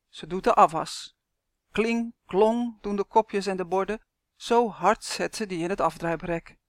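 A woman reading a children's story aloud in a clear, expressive manner. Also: mid-range voice, dry recording, clean studio sound.

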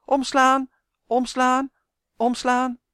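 A storybook reader voicing a brisk, practical dwarf girl who talks in a bossy, impatient way. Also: medium pitch, expressive, no echo, studio quality, lightly acted.

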